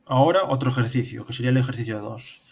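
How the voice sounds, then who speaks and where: Fast-talking and gravelly, this man has a mid-range voice with a darkish, slightly rough tone. He's a programming instructor in his thirties with an accent from Spain, giving step-by-step narration over a screen demonstration.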